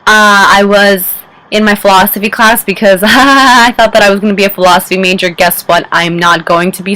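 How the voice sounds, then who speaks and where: A woman's voice: mid-range voice, sharp tone, rough recording. A woman in her twenties ranting casually to camera in her bedroom, exasperated and profane, rambling with fillers. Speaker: vlogger.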